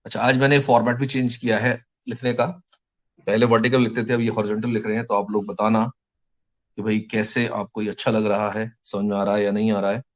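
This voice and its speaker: A male teacher with an Indian English accent giving a lecture, slowly dictating English phrases word by word between explanations. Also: lowish voice, level tone.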